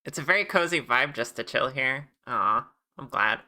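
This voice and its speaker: A streamer chatting casually while working on a 3D model, thinking aloud in a relaxed way. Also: medium pitch, moderate pace. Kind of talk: casual live-stream chat.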